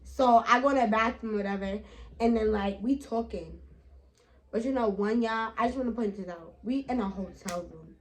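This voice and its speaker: A woman's voice: on the high side, moderate pace, rough recording. Chatty young New woman. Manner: chatty, slangy, many fillers and asides to viewers. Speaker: vlogger. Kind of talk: casual storytime chat.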